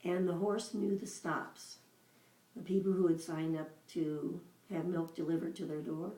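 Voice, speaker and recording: A woman in her seventies recalling her childhood for her child, telling it slowly with pauses. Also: fairly low pitch, fairly even intonation, mellow. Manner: unhurried storytelling with pauses. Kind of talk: casual reminiscing. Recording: roomy echo, voice from a distance.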